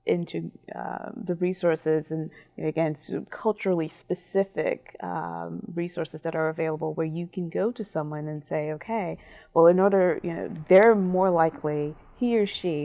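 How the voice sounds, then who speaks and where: Low, gravelly-voiced woman from Cameroon. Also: mellow. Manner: earnest, deliberate, with drawn-out hedging pauses. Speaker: panel guest. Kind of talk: studio panel conversation. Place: small TV studio.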